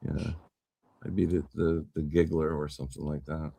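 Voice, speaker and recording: Rumbling low, gravelly, husky and mellow, this man's voice keeps a level tone at a moderate pace. He hosts a casual political talk show as a podcaster, rambling with repeated words and cursing whenever something riles him.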